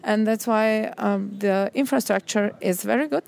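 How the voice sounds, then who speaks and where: A woman from Slovenia with a Slovenian accent speaks informally as a federation president, pausing to search for words. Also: medium pitch, vocal fry, darkish tone. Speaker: president of a national naturist federation. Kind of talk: informal spoken presentation.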